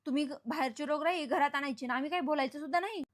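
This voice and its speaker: Woman reading as a sharp-tongued scolding housewife. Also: high-pitched, rapid-fire, close to an everyday voice. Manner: harsh, scornful.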